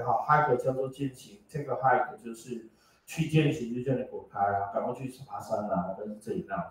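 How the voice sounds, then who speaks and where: A man's voice: medium pitch, a little mellow. A male teacher gives a classroom lecture, joking and teasing his students as he drops English words into his explanations. He is picked up from well across the room, and the space rings with strong echo. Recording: echoey classroom from far off.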